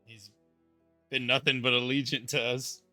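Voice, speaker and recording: A man's voice: mid-range voice, little pitch movement, normal speed, pushed and bright, no echo, faint music behind. A man playing a tabletop game, describing his character's actions in an easygoing, laughing way. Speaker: player. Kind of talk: casual tabletop game play.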